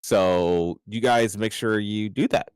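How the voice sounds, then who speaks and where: A man co-hosting a casual gaming podcast, rambling and excitable, his voice jumping up high when he jokes. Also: takes it slowly, clear, resonant tone, no echo, clean studio sound. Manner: excitable, rambling, jumps up in pitch when joking. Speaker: podcast co-host.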